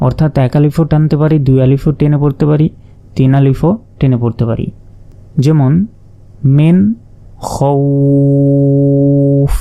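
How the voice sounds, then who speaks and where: A man teaching Quran reading step by step, spelling out letters and drawing out the demonstration words in long, slow sounds. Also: mid-range voice, warm tone.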